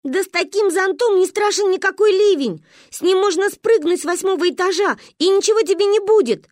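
A woman voicing a bold, stubborn little girl who squeals and wails loudly in an audiobook story. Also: very high-pitched, sing-song, measured pace, dry recording, studio quality, pitched above the performer's own voice, heavily acted. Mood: boastful. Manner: squealing, wailing.

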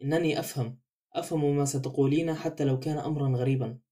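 A fussy middle-aged detective, measured and probing, speaks briskly in a warm, mellow tone, as a man reads him in a storybook. His delivery is reflective and unhurried in thought, though the words come quickly. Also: on the high side, steady tone, close to an everyday voice. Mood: calm, probing.

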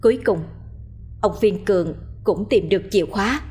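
A woman narrating a horror story in a steady, suspenseful reading. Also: medium pitch, moderate pace, breathy edge.

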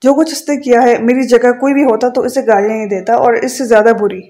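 A woman's voice: on the high side, fairly even intonation, mellow, natural voice. A woman reading the lines of a young husband who is blunt, unapologetic and dryly teasing. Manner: cool, unapologetic, dryly provoking.

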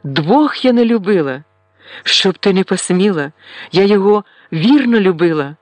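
A man's voice: high-pitched, sing-song, takes it slowly, dry recording, full character voice. A man voicing a proud, defiant young village woman. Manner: tense, heated outbursts.

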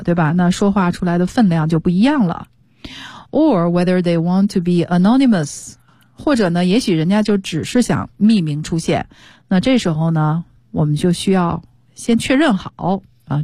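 A woman's voice: fairly low pitch, mellow, dry recording. A woman teaching English on a radio lesson, explaining patiently and spelling words out. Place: radio studio.

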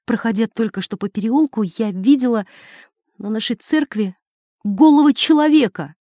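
A woman's voice: fairly high pitch, moderate pace, mellow, no room sound, studio quality, pitched above the performer's own voice, natural voice. A woman voicing a pale, agitated nun who pleads urgently and hisses with prim indignation, as in an audiobook. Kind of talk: audiobook character voice.

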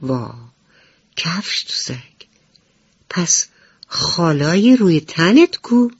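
A gentle, caring butterfly, as a woman puts her on. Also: fairly low pitch, animated, creaky, no room sound. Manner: gentle, slow, sensible tone, a little raised. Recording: dull radio broadcast with soft music.

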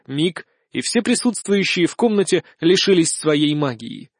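A man narrating a first-person audiobook in a lively, ironic storytelling manner. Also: a little high, measured pace, husky, dry recording, studio quality.

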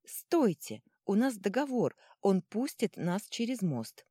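A woman's voice: mid-range voice, very animated, slow, mellow, breathy edge, no echo, studio quality, pitched above the performer's own voice, exaggerated voice. A woman voicing a young female sorceress who pleads and calls out urgently.

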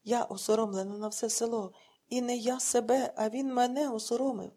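A woman's voice: a little high, fairly even intonation, a little fast, mellow, close to an everyday voice. A woman voicing a proud, bitter village wife who speaks curtly and harshly. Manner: curt, harsh.

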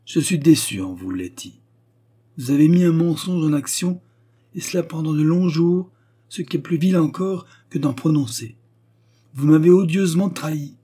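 Stern, reproachful young woman, raised and sharp in pitch, done by a male reader; warm, husky tone. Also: animated, moderate pace. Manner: scolding, severe and reproachful. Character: stern indignant young woman of twenty-five. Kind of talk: audiobook character voice.

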